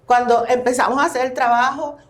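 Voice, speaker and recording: Expressive woman, higher voice. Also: brisk, a little hiss or hum. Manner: expressive, animated storytelling. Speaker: family constellations therapist, guest. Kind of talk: casual podcast conversation. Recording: roomy echo.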